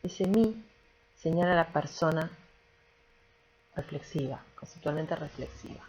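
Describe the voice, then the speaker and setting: Low, husky-voiced woman teaching grammar. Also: lively intonation, measured pace, darkish tone, low-quality recording. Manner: patient, explains step by step and checks with "¿sí?". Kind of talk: recorded grammar lesson.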